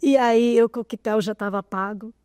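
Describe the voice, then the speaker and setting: A woman in her sixties recounts a personal story as an interview guest. Her voice sits fairly high and sounds dry and close. She speaks with animated feeling, often close to tears. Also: moderate pace, clean tone, dry recording. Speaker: interview guest, association president.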